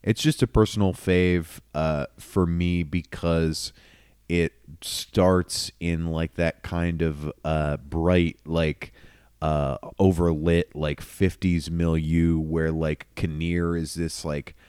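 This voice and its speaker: A young man co-hosting a podcast, talking eagerly about a film he loves, halting often on fillers. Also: sits low, flat delivery, a little mellow, clear, resonant tone, dry recording, studio quality. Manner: enthusiastic, halting, many fillers. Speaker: podcast co-host. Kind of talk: casual film podcast chat.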